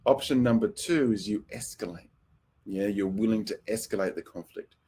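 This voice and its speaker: A middle-aged man teaching a counseling webinar in a relaxed, thoughtful way, with fillers and acted-out example phrases. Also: on the low side, moderate pace.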